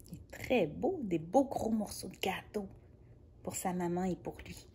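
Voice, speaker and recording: A woman reading a picture book aloud to a child, gentle and playful, dropping into soft whispered asides. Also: lowish voice, animated, unhurried, slight background noise. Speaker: children's storyteller.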